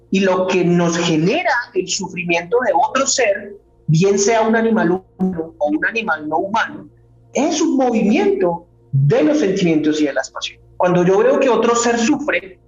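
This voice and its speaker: A man, a philosophy doctoral student, explaining ideas at length as an interview guest in a measured way, often asking rhetorical questions. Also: high voice. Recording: roomy, dull sound.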